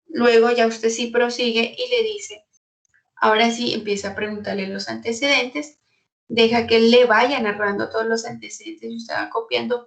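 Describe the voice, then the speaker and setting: Gravelly-voiced woman doctor lecturing. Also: on the high side, recorded from a distance, low-quality recording. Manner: explanatory, acts out doctor and patient dialogue. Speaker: internal medicine doctor teaching medical students. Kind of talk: online lecture.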